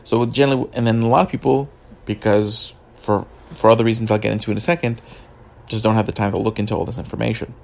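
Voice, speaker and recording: Groggy, slightly creaky male political commentator. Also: on the low side, flat delivery, fast, darkish tone. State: groggy, just woke up. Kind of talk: casual unscripted political commentary.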